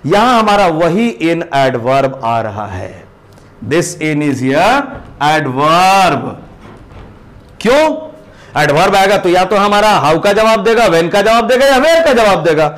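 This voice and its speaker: Brief: male English tutor, Indian English accent, high voice, slow deliberate drilling of example sentences. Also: big pitch swings, fairly bright tone. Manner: drills example sentences slowly with heavy word stress. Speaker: English teacher. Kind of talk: spoken grammar lesson.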